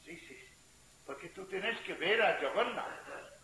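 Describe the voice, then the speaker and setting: A man's voice: sits high, expressive, unhurried, pushed and bright, full character voice. A man voicing a kindly old male temple priest in a told story, in an echoey room. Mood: gentle. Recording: echoey room with faint hiss.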